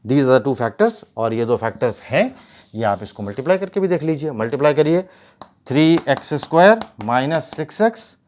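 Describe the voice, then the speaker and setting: A math teacher with a medium-pitched voice gives a whiteboard lesson, with a little background noise audible. He talks through the steps, asks rhetorical questions, and borrows English terms for the math.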